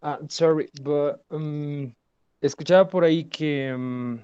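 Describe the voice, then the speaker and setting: A man's voice: on the high side, steady tone, takes it slowly, dark tone, clean tone, dry recording, muffled recording. A male student asking a question in an online class, hesitant with many fillers.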